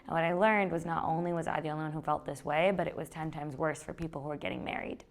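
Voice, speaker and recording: A young woman who founded a clothing company tells her personal story in an interview, speaking fast in a low voice with vocal fry. Her manner is relaxed and conversational.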